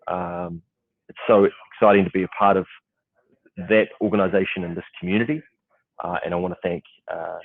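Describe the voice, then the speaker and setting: With a crew setting up around him in a client's Seattle office, a New Zealand man in his forties moderates an online panel casually, his talk loose, chatty and full of "uh" fillers. His voice is low, the sound has no echo, and it comes through at phone quality.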